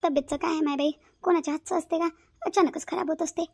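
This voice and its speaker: A woman's voice: extremely high pitch, steady tone, quick pace, gravelly, darkish tone. A woman voicing a lazy, scheming young woman who fakes illness in a whiny, drawling voice. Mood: whiny sick.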